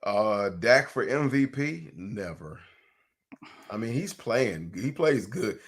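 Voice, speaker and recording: Brief: low gravelly male co-host, lively pitch, relaxed chat reader. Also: takes it slowly. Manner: relaxed, reads chat questions aloud. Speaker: podcast co-host. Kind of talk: casual livestream chat.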